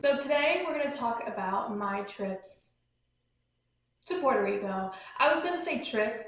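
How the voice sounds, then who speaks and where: In a slightly high, somewhat bright voice, a young woman hosts a rambling, filler-heavy podcast of casual travel chat. She records at home on her phone near her dogs, and the result is echoey.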